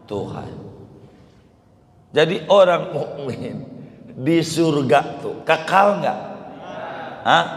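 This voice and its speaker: A hoarse man preaching, quizzing his listeners and repeating key phrases. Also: mid-range voice. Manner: repeats phrases, quizzes listeners, colloquial Betawi-flavored Indonesian. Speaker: Islamic preacher. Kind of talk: lecture sermon with questions to the audience. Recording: long hall reverb.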